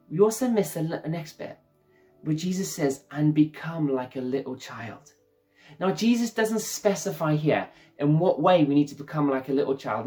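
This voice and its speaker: Over faint background music, a man with a slightly high, somewhat mellow voice preaches an enthusiastic, conversational sermon, addressing his listeners as "guys."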